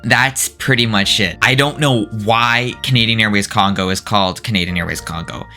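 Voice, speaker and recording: A man ranting casually in one take as a video creator, rambling with lots of "like" and asides, his pitch jumping up and down. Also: sharp tone. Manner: pitch swings up and down a lot. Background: faint background music.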